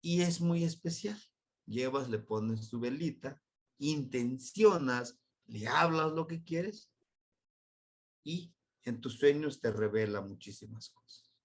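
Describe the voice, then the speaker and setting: A man with a Mexican accent teaching a Nahuatl language lesson in an unscripted, explanatory way, his voice leaping up on key words. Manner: patient, explanatory, voice leaps high on key words.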